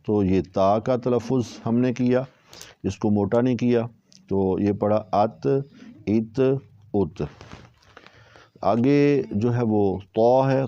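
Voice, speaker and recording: A man's voice: medium pitch, mellow, no room sound, lo-fi sound. A man teaching Quran recitation in Urdu with a Pakistani accent, patiently spelling out and repeating each syllable several times. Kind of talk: slow spelled-out tajweed lesson.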